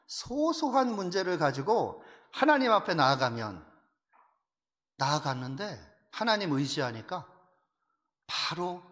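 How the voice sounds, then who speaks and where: A middle-aged male pastor preaching a sermon in a blunt, rough-spoken way, shifting between loud exhortation and quiet, confiding asides. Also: a little high. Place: church sanctuary. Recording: long hall reverb.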